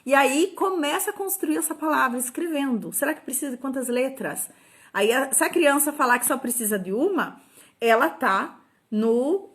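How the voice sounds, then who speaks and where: Middle-aged Brazilian woman teacher with a slightly high voice. Gives patient, informal step-by-step explanations and sounds out syllables. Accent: Brazilian Portuguese. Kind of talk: informal talk on teaching children to read.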